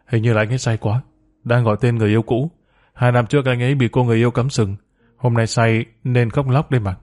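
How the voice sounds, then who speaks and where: A man's voice: medium pitch, fairly even intonation, quick pace, darkish tone, soft background music, lightly acted. A man voicing a stubborn, tipsy young male hero who slurs slightly, in a storybook. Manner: slurring, stubborn.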